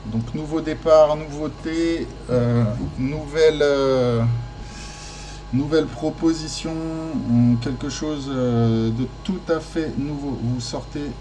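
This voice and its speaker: Slow and dark in tone yet somewhat high-pitched, a man offers casual tarot guidance, stumbling through fillers and restarts while encouraging his audience. There is slight background noise.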